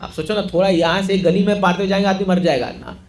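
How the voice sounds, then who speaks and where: A man preaching to a congregation, telling a story in an animated way and acting out the characters' lines. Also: sits high, quick pace. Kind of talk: storytelling sermon.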